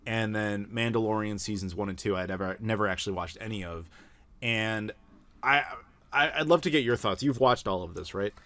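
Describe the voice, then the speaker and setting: A man's voice: on the low side, brisk, bright, forceful tone. A man hosting a podcast in casual chat, opinionated, often restarting his sentences. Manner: opinionated, frequent stammered restarts. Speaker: podcast host.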